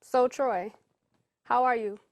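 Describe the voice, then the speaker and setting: A woman hosting an interview show, upbeat and encouraging, asking quick follow-up questions. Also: a little high, steady tone, a little mellow, dry recording, clean studio sound. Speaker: host. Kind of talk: casual interview.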